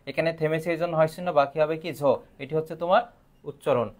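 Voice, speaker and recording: Man, online grammar teacher, slightly high voice, quizzing then answering himself. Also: steady tone, rapid-fire. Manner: asks questions and answers them himself. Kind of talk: live online grammar lesson.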